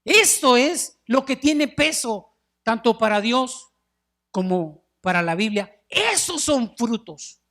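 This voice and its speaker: Lively pastor preaching. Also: male voice, very high-pitched, takes it slowly, vocal fry. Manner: animated storytelling, acts out wailing mourners; addresses listeners as brothers, drops in English words. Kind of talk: sermon. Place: church sanctuary.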